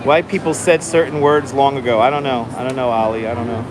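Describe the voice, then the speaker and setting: Waiting in line outdoors on a city street, a man holds his phone up for a casual live stream and chats with viewers in a calm, clearly enunciated way. He talks fast at a medium pitch, and the noisy stream picks up city traffic and street sounds.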